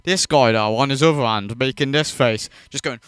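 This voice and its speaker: A man hosts a reaction video, ranting in disbelief, swearing freely and mocking what he's watching; he sounds incredulous, profane and derisive. His mid-range voice is fairly bright, clear and resonant at a moderate pace, recorded at studio quality with no room sound.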